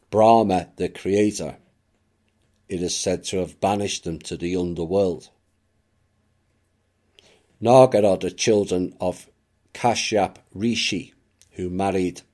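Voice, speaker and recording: A man with a deep, low voice talks through a reflective monologue at a very slow, deliberate pace. His tone is mellow and dark, and he drops in occasional offhand asides. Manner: measured, unhurried, with occasional asides. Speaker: esoteric channel narrator.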